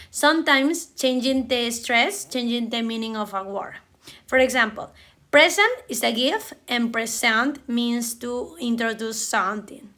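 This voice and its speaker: A woman with a high voice giving a prepared talk as an English teacher. She takes her time, pausing on fillers and correcting herself as she goes. She sounds out example words slowly and clearly. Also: fairly bright tone. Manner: careful, halting delivery with fillers and self-corrections. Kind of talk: prepared classroom presentation.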